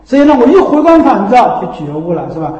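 A man's voice: very high voice, big pitch swings, fast, warm tone, dull audio. A man giving a Buddhist dharma talk as teacher, explaining patiently and often checking that listeners follow. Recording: echoey hall with long reverb.

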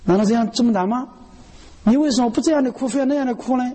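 A man's voice: very high-pitched, very fast, mellow, husky, long reverb tail. A man giving an earnest Buddhist sermon, often checking that listeners follow him. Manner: earnest, keeps asking "you know?". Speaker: Buddhist teacher.

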